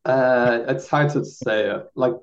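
A man's voice: mid-range voice, fairly even intonation, slow, muffled recording. A man, a band guest making brief, dry, casual remarks in an interview. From County Mayo, west of Ireland. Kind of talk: casual podcast interview chat.

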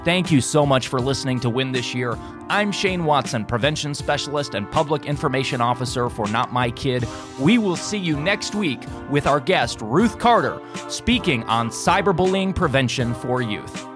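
Male podcast host, earnest and encouraging, mid pitch, faint music bed. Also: animated, normal speed. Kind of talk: podcast host wrap-up and outro.

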